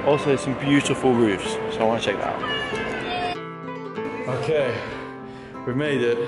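A man's voice: medium pitch, huge pitch swings, slow pace. Wry young man narrating a road trip. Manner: wry, joking asides. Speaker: travel vlogger. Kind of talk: casual travel vlog. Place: outdoors on hilltops and city streets. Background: music.

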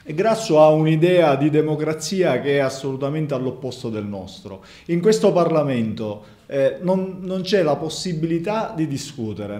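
Defiant man with a lively, warm voice. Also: on the high side, echoey room. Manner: defiant, emphatic repetitions. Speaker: senator. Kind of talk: political statement to camera.

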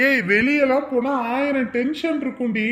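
A woman's voice: sits high, moderate pace, fairly bright tone, echoey room. A woman playing a stubborn young husband who bossily orders his wife to stay home. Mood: stern. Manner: bossy, dismissive.

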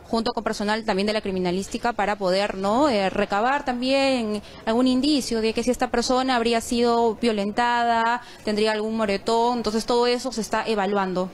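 A woman from Peru delivering a live news report from a crime scene, measured and a little halting. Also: fairly high pitch, fairly even intonation. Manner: measured, with frequent fillers. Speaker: field reporter. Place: outdoors on a street at a crime scene.

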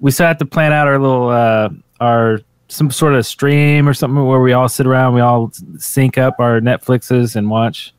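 A man's voice: medium pitch, steady tone, moderate pace, few pauses, clean tone, no echo. A man co-hosting a podcast in casual chat, laid-back and joking. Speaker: podcast co-host.

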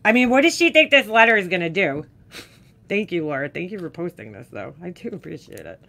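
A woman's voice: on the low side, sing-song, fairly quick, gravelly, bright, forceful tone. A woman streamer with a New York accent, reading a letter aloud and ranting about it with scornful, profane exasperation. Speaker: makeup commentary streamer. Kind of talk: ranting live reaction.

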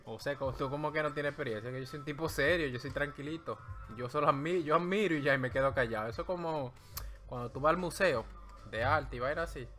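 Soft music plays behind a man whose voice is a little high, fast and sharp in tone. He speaks with a Dominican Spanish accent while drawing on a home stream, joking and rambling into his desk mic.

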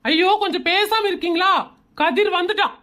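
A woman voicing an exasperated cartoon young man, very high. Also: steady tone, brisk, bright, forceful tone. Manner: impatient, exasperated pleading. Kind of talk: cartoon comedy voice acting.

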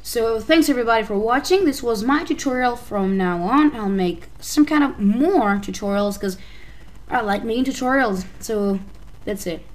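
A woman's voice: a little high, moderate pace, rough recording. Hesitant Albanian-accented woman explaining steps. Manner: hesitant, often restarting and correcting herself. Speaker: tutorial maker. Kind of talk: casual screen-recording tutorial voice-over.

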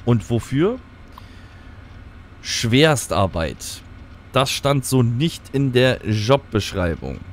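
A man voicing a grumpy, squeaky stuffed toy mouse in a storybook read from a game, grumbling indignantly. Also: big pitch swings, takes it slowly, pauses often, a little hiss or hum.

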